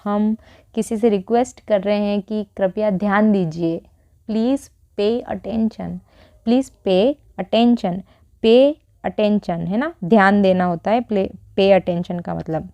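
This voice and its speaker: Slow, patient Indian woman teaching English. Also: mid-range voice, warm tone, no echo. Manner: repeats English phrases very slowly, then explains. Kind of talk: spoken English lesson in Hindi.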